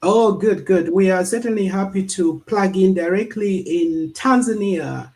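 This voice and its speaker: High-pitched male host, upbeat, introducing guests online. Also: a little slow, a little mellow. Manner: upbeat, repeats short affirmations. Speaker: host, moderator. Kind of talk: hosting a virtual panel. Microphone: video call.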